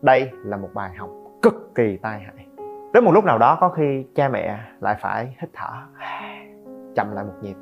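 A middle-aged man hosts a podcast about parenting and makes lively, joking asides to listeners. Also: lowish voice, moderate pace, vocal fry. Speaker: podcast host. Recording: slightly dull, faint guitar music.

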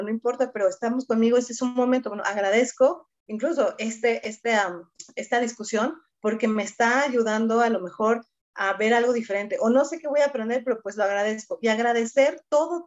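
Woman explaining, dull call audio. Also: mid-range voice. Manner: warm explaining with many "¿no?" tags and acted-out dialogues. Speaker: guest healer. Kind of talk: casual podcast conversation.

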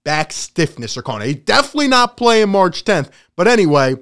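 A man in a casual sports rant, animated and gloating, often laughing. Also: high-pitched, fairly quick. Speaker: sports vlogger.

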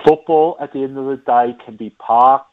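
A man's voice: mid-range voice, moderate pace. An Australian man in casual ranting chat as a podcast panellist, with a blunt, exasperated, blokey way of talking. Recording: tinny phone-like line.

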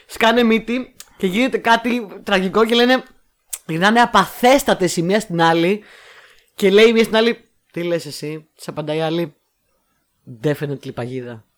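Woman co-host, casual chat, sarcastic and animated, mimics quotes. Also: medium pitch. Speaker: podcast co-host. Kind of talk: casual chat reviewing films.

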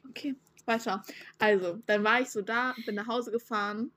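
A woman's voice: fairly high pitch, steady tone, normal speed, a bit bright. Slangy, rambling teenage girl. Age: teens. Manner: rambling, slangy storytelling with crude jokes. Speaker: podcast host. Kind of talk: casual chat.

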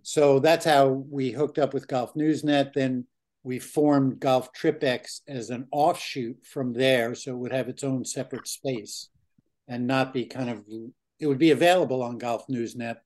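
A man's voice: medium pitch, fairly even intonation, unhurried, a little mellow. An older man co-hosting a golf podcast, talking earnestly and reflectively, with fillers. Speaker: podcast co-host. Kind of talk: casual chat.

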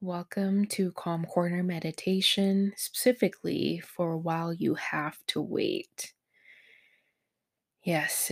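A woman with a fairly low voice guides a meditation, speaking softly and breathily in a near whisper. She is a meditation guide and podcast host, gentle and encouraging toward the listener.

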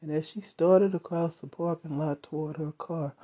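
A storyteller calmly recounting a first-person eerie encounter with measured pauses. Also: mid-range voice, breathy edge. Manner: slow, measured retelling with dramatic pauses.

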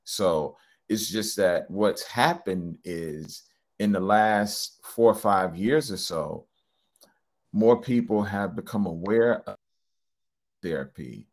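A man's voice: lowish voice, slow. A middle-aged man, a hypnotherapist being interviewed, talking casually and rambling with lots of ums and restarts. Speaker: hypnotherapist guest.

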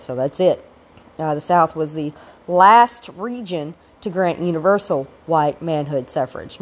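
A woman with a gravelly voice, getting over a cold, giving an informal recorded history lecture as a teacher with explanatory asides. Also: lowish voice, darkish tone.

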